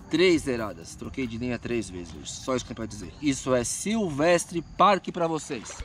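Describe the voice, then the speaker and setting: A man in his thirties with a Brazilian Portuguese accent hosting a casual fishing vlog outdoors by a lake, giving chatty play-by-play with bursts of excitement while fighting fish. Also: high voice. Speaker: fishing show host.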